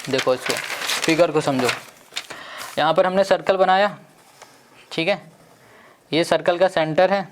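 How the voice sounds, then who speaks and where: A man's voice: fairly high pitch, unhurried, long pauses, slight background noise. A man teaching a maths lesson online, working through each step aloud and asking his students questions as he goes. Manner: talks through steps, asks students questions.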